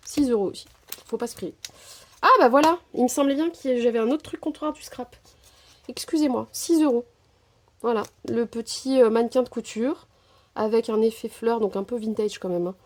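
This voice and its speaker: A woman's voice: fairly high pitch, normal speed. A woman chatting casually in a crafting haul vlog, talking into a phone camera and filling her sentences with hesitations and repeated little fillers. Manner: chatty, filler-heavy, keeps saying "voilà". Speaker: crafting vlogger.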